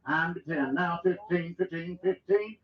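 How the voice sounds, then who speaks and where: A man works as an auctioneer, chanting bids in a fairly high voice with rolling, repeated numbers. The sound is echoey and a bit dull, like a lo-fi live recording. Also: unhurried, distant mic.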